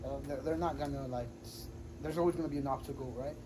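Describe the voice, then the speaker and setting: A man in his twenties from Honduras, chatting casually as an interview guest, relaxed and slangy with many fillers and restarts. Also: fairly high pitch, quick pace, noisy background. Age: 20s. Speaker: MMA fighter, guest.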